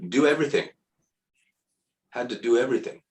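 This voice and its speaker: A man in his fifties giving a casual spiritual monologue as a teacher, unhurried and reflective, repeating words for emphasis. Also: mid-range voice. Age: 50s. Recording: echoey room.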